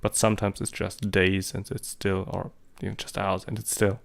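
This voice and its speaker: Here a photography vlogger in his thirties, a native German speaker, talks in low-pitched, gravelly English with a German accent. His tone stays level at a moderate pace while his casual commentary rambles with plenty of fillers and hesitations.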